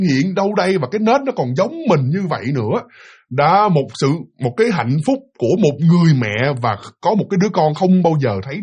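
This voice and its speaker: Southern Vietnamese male storyteller, chatty and animated, slightly high pitch. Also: slightly rough. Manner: chatty, addresses listeners, many restarts. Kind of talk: retelling a listener's spirit story.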